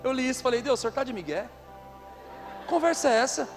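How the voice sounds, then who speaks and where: High-voiced man preaching. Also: fast talker, faint music behind. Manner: lively storytelling with playful asides. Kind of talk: conference sermon.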